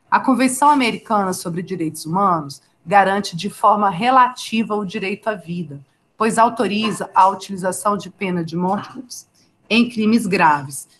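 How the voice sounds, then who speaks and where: Over slight background noise, a Brazilian woman with a mid-range, fairly bright voice teaches a live online law class. She chats conversationally, reads students' names from the chat and answers their questions by name.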